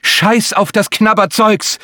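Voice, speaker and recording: A man's voice: sits high, fairly even intonation, slow pace, pushed and bright, no echo, clean studio sound, voice pushed up, full character voice. A man voicing the shrieking survival instinct inside a frightened woman's head. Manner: shrieking, harsh.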